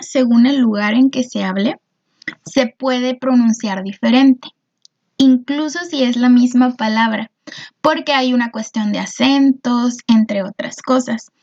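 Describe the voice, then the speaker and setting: A woman's voice: a little high, a little mellow, dull audio. A woman teacher, patiently explaining a lesson and often checking in with her students. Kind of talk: recorded class explanation.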